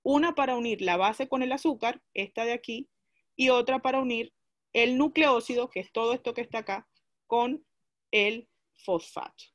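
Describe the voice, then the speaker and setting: A woman's voice: on the high side, moderate pace, dry recording. Woman teacher, classroom lesson, step-by-step explaining, questions to students, dry close sound.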